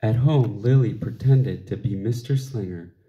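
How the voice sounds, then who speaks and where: A man reading a children's picture book aloud in an expressive storytelling style, with deliberate phrasing. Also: on the low side, lo-fi sound. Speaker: storybook reader.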